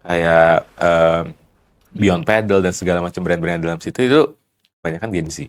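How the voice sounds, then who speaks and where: A man of thirty with a deep, low-pitched voice, chatting casually as a podcast guest. He explains his ideas methodically, building each point step by step. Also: moderate pace, clean tone. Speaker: guest, company founder.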